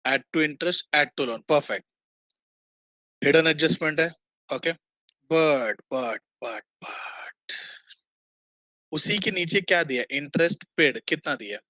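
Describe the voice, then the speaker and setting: A man's voice: a little high, a little slow, bright, forceful tone, no echo. A man teaching an online accounting class, quizzing students and mixing English terms into his Hindi.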